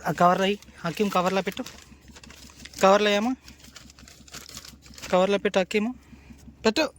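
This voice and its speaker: A young woman talking gently to her small child in a casual home video, coaxing and repeating herself. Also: medium pitch, fairly even intonation, brisk, rough recording. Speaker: mother talking to her toddler. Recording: outdoor street noise with traffic.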